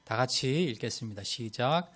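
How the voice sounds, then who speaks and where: A man's voice: mid-range voice, moderate pace. Man preaching a Sunday sermon. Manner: leads congregation in readings and greetings, lively storytelling. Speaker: pastor. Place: church sanctuary.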